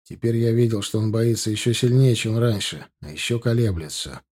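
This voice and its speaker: A man narrating a first-person audiobook in a steady, measured, stern manner. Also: fairly low pitch, husky.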